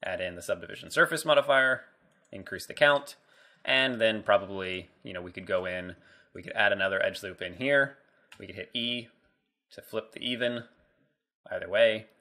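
Talking at a moderate pace, a 3D modeling instructor whose voice sits on the low side and sounds pushed and bright leads a screencast tutorial. He works casually, narrating his thoughts out loud along the way.

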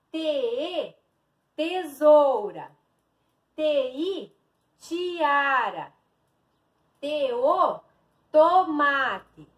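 A woman's voice: high-pitched, fairly bright tone. A woman teacher from Brazil giving a reading lesson to young children, stretching and stressing each syllable.

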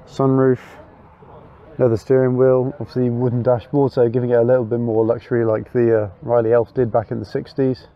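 Man, mid-pitched, chatty enthusiastic walkaround commentary, outdoor car meet, slightly muffled camera audio. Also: level tone, brisk. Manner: chatty, enthusiastic, thinking aloud with fillers. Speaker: car vlogger.

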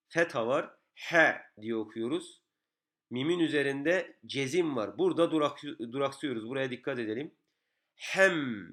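A man's voice: mid-range voice, fairly bright tone. Man, teacher, patient step-by-step explaining, repeats syllables again and again. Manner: patient, repeats each syllable several times. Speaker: Quran reading teacher.

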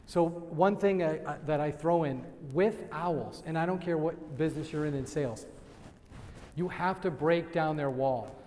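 A man's voice: fairly high pitch, normal speed, slight background noise. Guy running a sales training event, keeps quizzing the room, lots of laughs, voice rings in a big hall. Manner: energetic, asks the crowd questions and laughs. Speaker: real estate sales trainer. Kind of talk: live seminar talk to an audience. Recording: long hall reverb.

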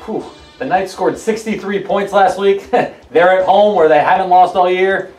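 A man's voice: high-pitched, measured pace, a little mellow, distant mic. A man giving casual sports predictions as a panelist at a table indoors. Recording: roomy echo, faint music behind.

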